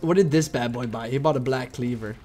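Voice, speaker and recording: A young man casually commentating his own game, excitable and whooping at big plays, chatting to his viewers as boys and dudes. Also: mid-range voice, brisk, faint music behind. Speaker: gameplay commentator.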